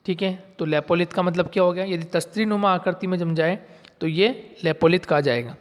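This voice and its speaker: A man's voice: sits high, a little fast, long reverb tail. A man giving a geography lesson, explaining step by step and repeating key terms, asking his viewers questions and answering them himself. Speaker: geography teacher. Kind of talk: classroom lecture.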